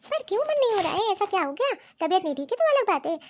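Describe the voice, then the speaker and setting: A woman's voice: very high-pitched, very animated, fast, no echo. A woman voicing a helpful youngest daughter-in-law. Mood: puzzled. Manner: agreeable, puzzled questions. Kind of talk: cartoon story voice acting.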